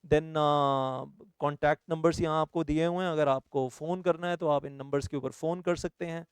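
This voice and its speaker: An Indian man speaking to his students in an earnest, persuading tone as he promotes his courses, mixing Hindi and English as he goes. His voice is a little high, smooth and clear. It is recorded close and dry, with almost no room sound. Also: steady tone, normal speed, dry recording. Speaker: CS coaching teacher.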